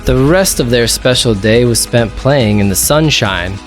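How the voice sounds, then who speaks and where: A man reading a picture book aloud to his child in a slow, lively storytelling tone. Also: mid-range voice, faint music behind.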